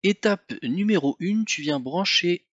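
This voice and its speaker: A man narrating a step-by-step car tutorial, calm and methodical, speaking informally to the viewer. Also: sits high, unhurried, no room sound, muffled recording. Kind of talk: step-by-step instructional voice-over.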